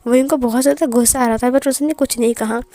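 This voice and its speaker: High-voiced Hindi-accented woman storyteller. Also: steady tone, quick pace, dark tone. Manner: casual storytelling with self-corrections. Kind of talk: fan fiction narration.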